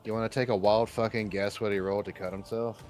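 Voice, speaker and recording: A man narrating as game master of a tabletop game, amused and lively. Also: on the low side, fast, soft background music.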